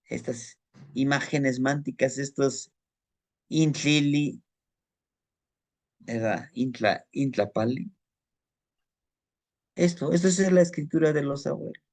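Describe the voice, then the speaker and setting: Slow, halting Mexican man teaching. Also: mid-range voice, a little mellow. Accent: Guerrero Mexican Spanish. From Guerrero, Mexico. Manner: slow and halting, repeats words and asks rhetorical questions. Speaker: Nahuatl language teacher. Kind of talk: casual spoken lesson.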